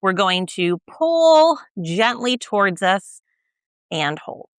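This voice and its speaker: A young woman guiding a stretching routine, gentle and patient, often checking in with the listener and a little out of breath as she stretches along. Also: mid-range voice, sing-song, slow pace, no room sound. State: slightly out of breath while stretching. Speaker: stretching instructor. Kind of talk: guided exercise instruction.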